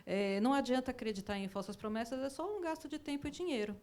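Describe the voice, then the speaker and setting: A woman's voice: a little high, fast talker, a little mellow. A woman, an English teacher guest on a TV talk show, explaining patiently and often checking with "né?". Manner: explanatory, often adds tag "né?".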